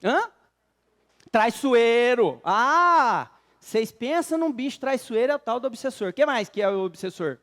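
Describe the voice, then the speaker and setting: A man's voice: very high voice, sing-song, a little slow, a bit bright. Brazilian man giving a humorous lecture. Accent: Brazilian Portuguese. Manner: quizzes the audience, jokey storytelling. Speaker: spiritist lecturer. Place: lecture hall with audience.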